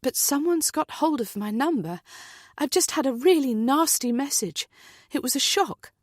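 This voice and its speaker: A woman's voice: high voice, expressive, normal speed, dry recording, studio quality, pitched above the performer's own voice. A woman voicing a rattled woman who speaks in a worried, apologetic way. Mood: anxious. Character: anxious woman, rattled lottery winner.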